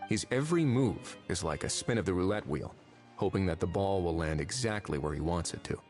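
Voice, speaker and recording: A man's voice: deep voice, lively intonation, fairly quick, a little mellow, soft background music. An actor voicing a composed, authoritative male investigator in a video game.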